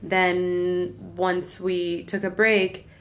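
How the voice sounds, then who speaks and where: A woman's voice: lowish voice, little pitch movement. A young woman co-hosting a podcast, telling personal stories in casual chat with many "like"s. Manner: slow, drawn-out storytelling, lots of "like".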